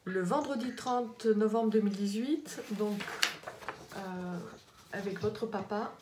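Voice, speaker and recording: A woman's voice: mid-range voice, slow pace. A woman working as a medium, reassuring her client in a casual consultation, with many fillers and repeated checks that she is understood. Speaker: medium giving a reading. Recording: echoey room with crowd noise.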